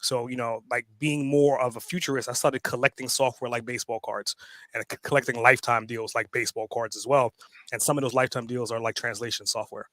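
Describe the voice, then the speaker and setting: Man, podcast guest, rapid delivery, dry close mic, stumbling restarts. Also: medium pitch, steady tone, pushed and bright, dry recording. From Trinidad and Tobago. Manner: quick, repeats words when starting sentences. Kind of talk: casual interview talk.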